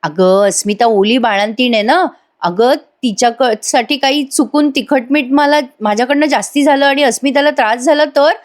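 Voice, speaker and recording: A woman's voice: normal speed, lightly acted. A woman doing a fussy, whiny young woman. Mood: sweet wheedling. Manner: complaining, high-strung.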